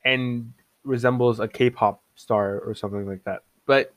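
A young man giving casual reaction commentary, excitable and mocking, often laughing and jumping up in pitch in disbelief. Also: measured pace, no echo. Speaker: online commentator.

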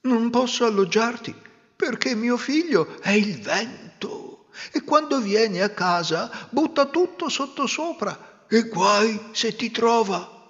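A woman's voice: a little high, expressive, takes it slowly, long reverb tail, lo-fi sound, pitched above the performer's own voice. A man voicing a kindly but worried old woman, the mother of the wind, speaking in a fretful, warning tone.

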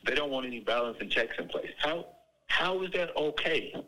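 A man's voice: medium pitch, lively intonation, moderate pace, sharp tone, poor audio. A man calling in from a prison phone, speaking fervently and often saying "you know what I'm saying". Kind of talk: impassioned phone call. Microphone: prison phone line.

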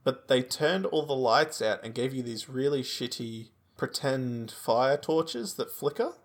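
A man's voice: mid-range voice, unhurried. An Australian man co-hosting a podcast, chatting casually and telling anecdotes. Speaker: podcast co-host.

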